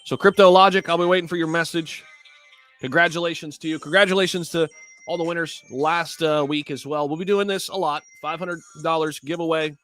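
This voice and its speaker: Higher-voiced crypto bro livestream host, man. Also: steady tone, fairly quick, fairly bright tone, faint music behind. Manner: hyped crypto bro talk, slangy and informal. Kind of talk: casual livestream chat to viewers.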